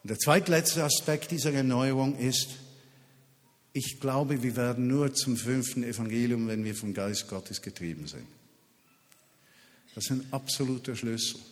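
Male preacher, mid-pitched, emphatic, repeats lines for effect, reverberant hall. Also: normal speed. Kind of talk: sermon with personal stories. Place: large hall at a summer festival.

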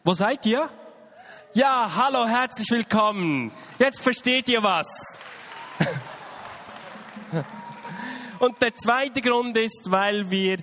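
Slow, high-voiced pastor in a hall. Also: male voice, expressive, a little hiss or hum. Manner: warm, chatty addresses to the congregation with fillers. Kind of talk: sermon welcome to congregation. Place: church service hall. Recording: long hall reverb.

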